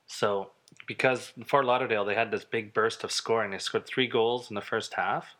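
A man's voice: lowish voice, fairly even intonation, normal speed, a bit bright. A man hosting a casual soccer podcast, chatting and laughing with his co-hosts. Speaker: podcast host. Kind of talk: casual sports chat.

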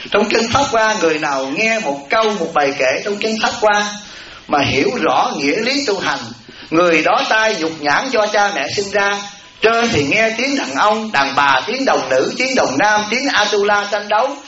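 A Buddhist monk, the abbot of a temple, giving a dharma talk in a folksy way, acting out everyday voices and often asking "right?". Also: male voice, high-pitched, sharp tone, a little hiss or hum. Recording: echoey lo-fi hall recording with audience.

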